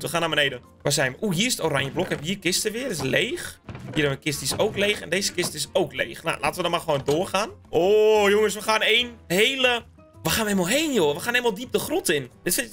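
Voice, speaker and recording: Excitable gaming host, bright high voice, chatty with his viewers, faint music underneath. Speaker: gaming YouTuber. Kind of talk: Minecraft let's-play commentary.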